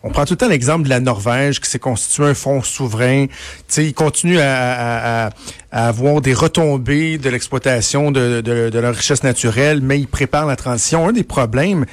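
A man's voice: medium pitch, brisk, no room sound. A man with a Québécois French accent hosting a radio interview, asking long, meandering questions in a conversational way. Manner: conversational, many fillers and restarts. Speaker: radio host.

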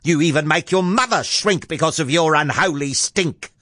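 Fairy-tale mum, man acting her: high, bossy, indignant scold, animated delivery. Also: takes it slowly, dry recording, clean studio sound, exaggerated voice. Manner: indignant, exclamatory. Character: shrill, scolding, scornful mother of a boy.

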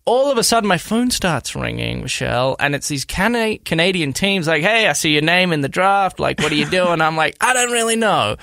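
This Australian man in his thirties has a gravelly, bright voice with a slightly raised pitch. He tells his story in a casual, rambling way, full of fillers and restarts. The recording is close and dry. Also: expressive, a little fast, hardly any pauses, no room sound. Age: 30s. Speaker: podcast co-host.

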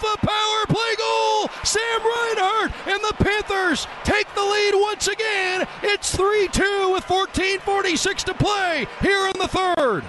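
A man giving rapid, excited live hockey play-by-play, with urgent calls that rise into shouts. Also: extremely high pitch. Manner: rapid-fire calls rising to shouted goal calls. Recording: noisy arena broadcast. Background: loud arena noise.

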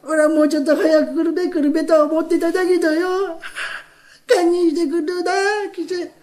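A man in a rakugo telling voicing a naive, softhearted rich country man who speaks in a thick rural dialect. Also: extremely high pitch, fast talker. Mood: grieving. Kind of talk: rakugo storytelling.

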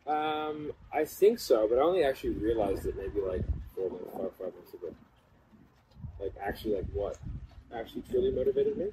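A man's voice: lowish voice, huge pitch swings, fairly quick, warm tone. A man in a casual podcast chat, talking in a rambling, informal way. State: cold, in an ice bath. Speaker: podcast speaker. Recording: clearly noisy background hum.

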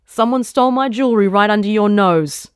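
A woman's voice: mid-range voice, a little fast, no echo, studio quality, pitched above the performer's own voice, close to an everyday voice. A woman voicing a bitter, accusing mother. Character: bitter, defensive middle-aged mother, grudging. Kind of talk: audio short story reading.

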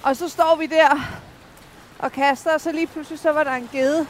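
A woman, chatting casually and telling small anecdotes while out by the water. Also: fairly even intonation. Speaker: angler. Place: outdoors by the water. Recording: outdoor ambient noise, vehicle rumble.

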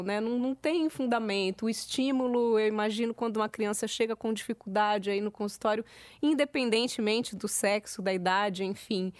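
A woman's voice: a little high, no room sound. Woman host, 30s, chatty storyteller, dry close sound. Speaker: podcast host. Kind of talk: casual conversation.

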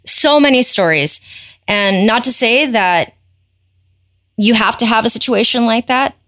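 A middle-aged woman hosting a podcast in loose, excitable casual chat, quick to laugh. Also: on the high side. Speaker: podcast host.

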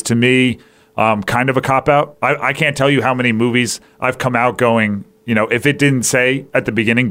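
A man's voice: medium pitch, a bit bright. A man hosting a podcast talks through a film in a loose, casual way. He rambles, restarts his sentences and leans on fillers as he goes. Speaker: podcast host. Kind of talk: casual movie review chat.

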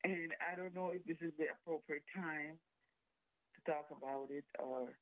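A woman calling in to a radio show with a question, speaking hesitantly with many pauses and restarts. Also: low voice, no room sound. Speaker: caller. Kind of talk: call-in question. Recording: tinny phone line.

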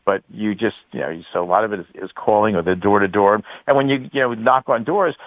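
A man's voice: fairly low pitch, a little fast, no room sound, phone-quality sound. A man speaking as a guest on a radio talk show by phone, rambling with many fillers. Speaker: guest and candidate.

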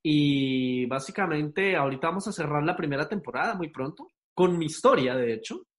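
A man telling things casually and informally as a podcast guest, with an animated storytelling manner. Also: a little high, moderate pace.

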